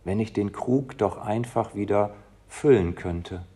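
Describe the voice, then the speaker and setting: Husky-voiced man preaching a sermon. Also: fairly low pitch, unhurried. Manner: emotional, dynamic, swings from soft to emphatic. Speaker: pastor.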